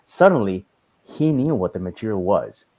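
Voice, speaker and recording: A man reading a story aloud in a measured storytelling manner. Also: lowish voice, very animated, mellow. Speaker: reader.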